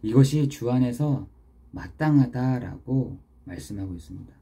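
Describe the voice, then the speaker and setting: Dark husky-voiced pastor preaching. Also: male voice, medium pitch, lively intonation, normal speed. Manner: earnest, swings from loud stress to near whispers. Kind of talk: early morning devotional sermon.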